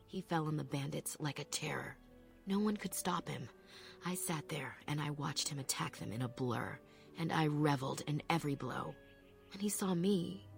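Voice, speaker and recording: A female voice actor plays a game's elf apprentice, proud and calm, speaking with a low, husky tone in a reflective, measured manner.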